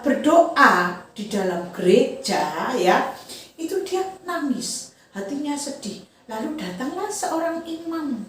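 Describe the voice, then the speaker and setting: A woman Sunday school teacher, animatedly telling a Bible story to children and often checking in with them. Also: high-pitched. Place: church room. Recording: echoey room, far from mic.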